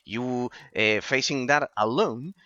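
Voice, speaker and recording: A late-twenties live streamer with an Argentine accent and Spanish as his first language talks casually to viewers during gameplay, rambling and repeating phrases to stress them. He speaks slowly at a medium pitch with a sharp tone. The audio is lo-fi with no echo.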